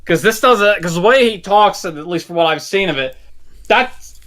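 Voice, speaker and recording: A man's voice: high-pitched, lively intonation, normal speed, pushed and bright. A man co-hosting a casual podcast chat, rambling and blunt, with frequent swearing. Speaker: podcast co-host.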